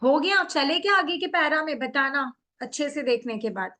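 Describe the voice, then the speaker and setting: A woman's voice: high voice, expressive, moderate pace, bright, forceful tone. A woman teaching a class online, explaining a poem line by line, mixing in English words and asking questions she answers herself. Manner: mixes English words into Hindi. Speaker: Hindi teacher.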